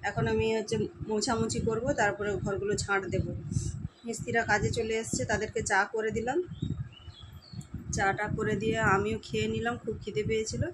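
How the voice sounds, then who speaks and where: A woman with a West Bengal Bengali accent chatting casually at home in a daily vlog, her voice slightly hoarse, often trailing off as she talks. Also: fairly high pitch, level tone, a little fast, very noisy. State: voice going hoarse from the heat. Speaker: housewife vlogger. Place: at home, indoors.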